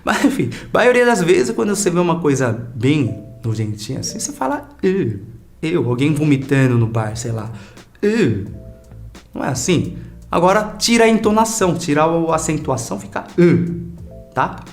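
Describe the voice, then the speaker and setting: A man teaches an online language lesson in a chatty, relaxed way, pausing to drill sounds for his students to repeat. His voice sits a little high and swings widely in pitch. Faint music plays underneath. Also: vocal fry.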